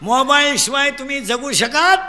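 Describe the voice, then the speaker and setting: A man giving a comic devotional sermon, teasing the crowd and shouting questions for them to answer. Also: extremely high pitch, normal speed, background noise. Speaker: kirtan preacher. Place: live gathering.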